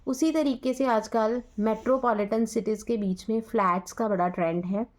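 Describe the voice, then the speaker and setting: A woman's voice: a little high, normal speed. Indian woman teaching an English lesson. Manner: explains patiently, spells words out letter by letter. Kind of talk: classroom lesson explanation.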